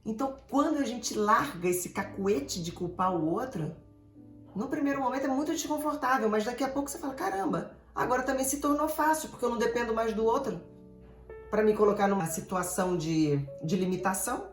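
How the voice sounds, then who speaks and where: A Brazilian woman therapist giving an animated, digressive motivational talk, speaking straight to her listeners. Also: a little high, brisk, roomy sound, faint music behind. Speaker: emotional therapist.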